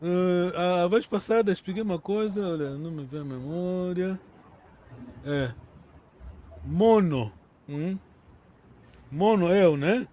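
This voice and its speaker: A man's voice: high-pitched, takes it slowly, long pauses, dark tone. A man teaching a language lesson, patiently repeating words and correcting his students' pronunciation.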